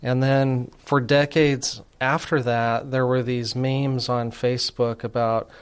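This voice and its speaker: A man's voice: medium pitch, flat delivery, takes it slowly, smooth. A middle-aged man hosting a radio talk show, chatting easily, reminiscing and prompting his guest. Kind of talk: relaxed radio interview chat.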